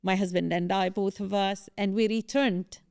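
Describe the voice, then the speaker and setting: Woman guest professor from Lebanon, very clear resonant voice, dry close sound, steady measured delivery. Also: mid-range voice, no room sound. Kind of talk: interview answers.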